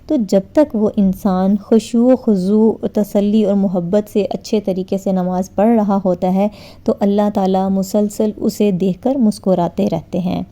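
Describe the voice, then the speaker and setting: A woman giving an earnest religious lecture on prayer, exhorting her listeners and slowing down to model careful recitation. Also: mid-range voice, vocal fry, warm tone. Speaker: Islamic preacher. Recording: dull lo-fi recording.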